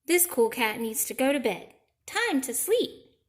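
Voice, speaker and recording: A cool, laid-back storybook cat, voiced by a woman reading aloud. The voice sits fairly high and moves very slowly, in a singsong bedtime lilt meant for young children. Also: big pitch swings. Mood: weary, insistent. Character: Pete, a cool laid-back cartoon cat, sleepy host. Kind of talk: children's picture book read-aloud.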